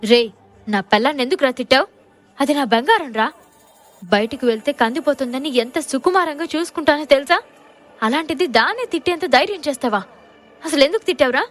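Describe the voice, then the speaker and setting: A woman narrator voicing a ruthless male gangster boss in an audio drama, shouting and menacing. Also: a little high, normal speed, lightly acted. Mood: furious.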